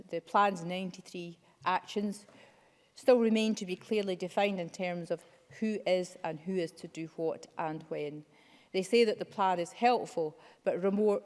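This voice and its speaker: A woman's voice: on the low side, darkish tone. A woman giving a formal, emphatic speech as a member of parliament. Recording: long reverb of a debating chamber.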